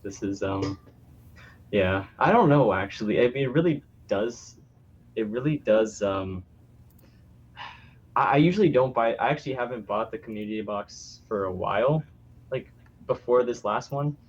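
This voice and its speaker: A man's voice: mid-range voice, expressive, moderate pace, pauses often, husky. A man chatting casually on a podcast in a hesitant, noncommittal way, often trailing off. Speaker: podcast panelist. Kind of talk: casual chat. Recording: dull lo-fi voice chat.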